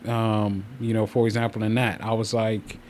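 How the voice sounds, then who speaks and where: A man with a lowish voice hosts his channel's livestream from a room at home, talking at a normal speed. He chats casually, rambling and often circling back to repeat himself. The audio is clear, with the steady noise of a running fan behind him.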